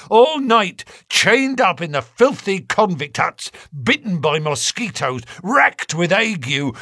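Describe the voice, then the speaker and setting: A man's voice: mid-range voice, pushed and bright, dry recording, studio quality, pitched above the performer's own voice. A man reading aloud, voicing a defiant, bitter middle-aged male convict who talks in an impassioned snarl.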